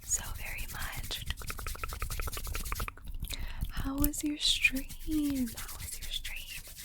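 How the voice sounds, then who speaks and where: A woman whispering fast and softly in a chatty ASMR livestream, often repeating words in quick bursts. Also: high voice, flat delivery. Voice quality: soft, mostly unvoiced whisper. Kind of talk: whispered ASMR casual chat with viewers.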